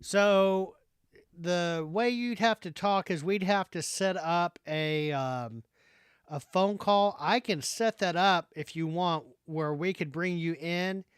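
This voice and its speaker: A man's voice: sits high, slow, smooth, dry recording, clean studio sound. A man hosting a casual livestream chat, thinking aloud in a hesitant way. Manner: hesitant, thinking aloud while figuring things out. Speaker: livestream host.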